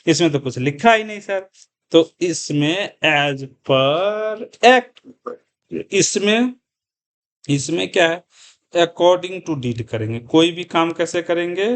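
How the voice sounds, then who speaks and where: A man lectures a class in a slightly raised voice, pacing himself slowly and deliberately. He keeps asking the students questions, then answers them himself and repeats the key terms. English terms are mixed into his speech. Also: a little high, expressive. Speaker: commerce teacher.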